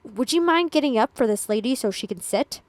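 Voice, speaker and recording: A woman's voice: on the high side, expressive, fairly quick, a little mellow, dry recording, lightly acted. A woman voicing a rude man in his thirties who scolds and mutters about manners. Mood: indignant.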